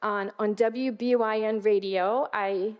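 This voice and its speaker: A woman's voice: medium pitch, fairly even intonation, slow pace, smooth. A woman in her forties from Pennsylvania, giving a guest talk at a gala and telling personal stories in a chatty way. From Pennsylvania, USA. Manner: warm, chatty storytelling with acted quotes. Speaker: guest speaker. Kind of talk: personal storytelling speech. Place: event hall. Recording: long reverb of a large hall.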